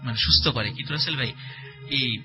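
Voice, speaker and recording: Over loud background music, a man of medium pitch recounts a horror story as a guest, speaking conversationally with the host. He hesitates, repeats himself and leans on fillers, building suspense as he goes. The recording quality is low.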